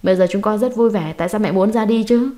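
A woman reads as a tender young son who sobs quietly. The voice sits higher and softer than her narration. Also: fast talker, natural voice. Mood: sobbing.

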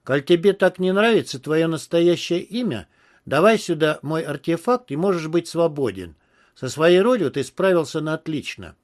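A man's voice: on the high side, lively intonation, normal speed, lightly acted. A man voicing a brash bull-headed male detective who teases and grows weary. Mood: teasing. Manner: jovial, teasing, then weary.

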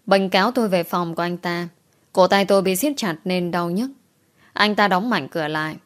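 A woman's voice: on the low side, moderate pace. A woman narrating a first-person audio story in a wistful, emotional way.

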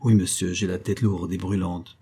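An earnest, dutiful young nobleman replies with polite respect, as a male audiobook reader voices him. His voice is low, mellow and somewhat husky. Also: little pitch movement, moderate pace. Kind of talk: audiobook character voice.

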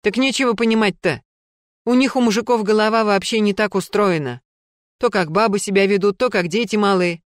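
A woman's voice: medium pitch, a little fast, no room sound, clean studio sound, pitched above the performer's own voice, natural voice. A woman reading a story, voicing a blunt, plain-spoken female cleaner who grumbles in brusque colloquial speech.

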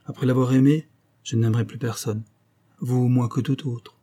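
A cold, severe husband who speaks calmly and firmly in a mellow, husky low-mid voice, as a male reader plays him. His delivery stays detached and unmoved. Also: normal speed, lightly acted.

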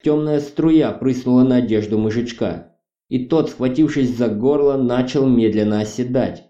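A man's voice: medium pitch, moderate pace, dark tone. A man narrating a story steadily, on a muffled recording made at a distance in an echoey room. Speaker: audiobook narrator. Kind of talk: scripted narration. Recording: muffled distant roomy recording, faint music.

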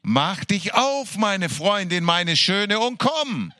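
A man with a high, bright voice leads worship, reading scripture slowly and ecstatically, drawing out each phrase and calling out hallelujahs between lines. He sounds fervent and exultant, and the recording is dry and close. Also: big pitch swings, dry recording. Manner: fervent, exclaiming hallelujahs, laughing between verses; slow, drawn-out delivery. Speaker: worship leader.

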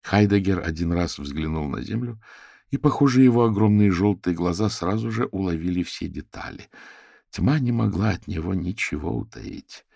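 Deep gravelly male audiobook narrator. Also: normal speed, a little mellow, no room sound, clean studio sound.

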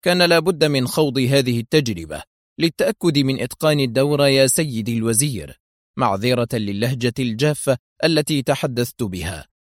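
A man voicing a calm, composed male intelligence colonel who speaks quietly and politely. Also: medium pitch, fairly quick, no echo, clean studio sound, natural voice.

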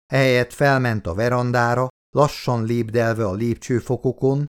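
A man narrating an audiobook in a calm, measured reading voice. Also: mid-range voice, smooth. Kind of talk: scripted narration.

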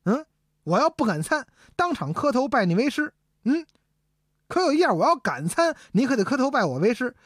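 A woman's voice: sits high, sing-song, moderate pace, husky, no room sound, studio quality, pitched above the performer's own voice, exaggerated voice. A woman voicing a blunt, proud male chief minister who speaks firm and emphatic, in a storytelling piece. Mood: defiant.

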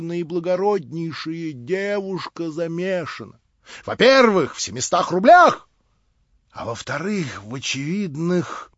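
A man's voice: sits high, no room sound, voice pushed up, exaggerated voice. A sly, fawning middle-aged gossip, put on by a male reader, from a storybook reading. His insinuating, mock-sorrowful tone lifts and dips widely. The sound is dry and a little dull. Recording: dry, slightly dull audiobook recording.

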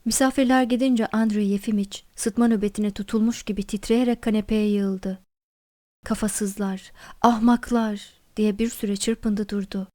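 A woman narrating an audiobook of a novella in a measured, expressive storytelling manner. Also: mid-range voice.

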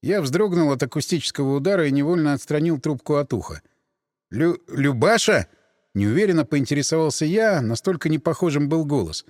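A man narrating a first-person audiobook in an expressive, wry storytelling manner. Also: a little high, quick pace, no room sound, studio quality, long reverb tail.

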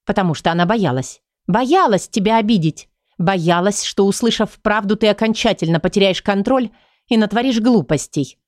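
A woman reading the lines of a calm, persistent female psychologist in an audiobook. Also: mid-range voice, moderate pace, dry recording, studio quality, lightly acted. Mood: insistent.

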